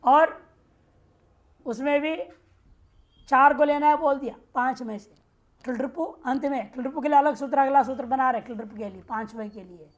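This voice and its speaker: A woman's voice: sits high, normal speed, long pauses. A woman teaching a grammar class, explaining rules step by step and often asking her students rhetorical check questions. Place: ashram teaching room.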